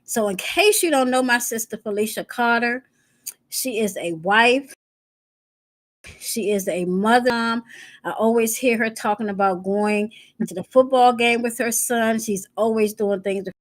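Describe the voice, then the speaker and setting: A woman's voice: a little high, measured pace, long pauses. A woman hosting her weekly live stream, casual and emotional, close to tears as she introduces a guest. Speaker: host.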